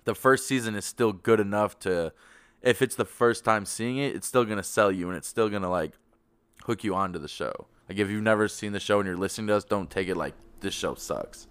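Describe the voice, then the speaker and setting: Dude w a really low smooth voice, laid back podcast chat, dry sound. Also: male voice, brisk, a bit bright, dry recording. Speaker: podcast co-host.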